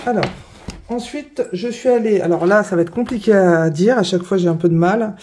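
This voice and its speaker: A woman's voice: mid-range voice, a little fast, darkish tone. A woman casually presenting her finished coloring pages, hesitant, with many fillers and self-corrections. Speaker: coloring hobby vlogger. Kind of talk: casual show-and-tell.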